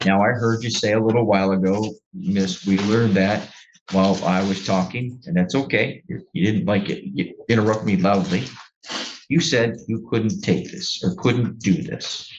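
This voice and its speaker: A man serving as a judge, sentencing a defendant from the bench in a courtroom, blunt and lecturing, with halting restarts. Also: on the low side, dull audio, a little hiss or hum.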